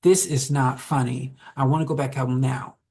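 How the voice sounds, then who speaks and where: A man's voice: mid-range voice, fairly even intonation, normal speed, a little mellow, slightly rough. A man playing a terrified, pleading young man. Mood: indignant. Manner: pleading, desperate. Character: terrified young man trapped in a haunted house.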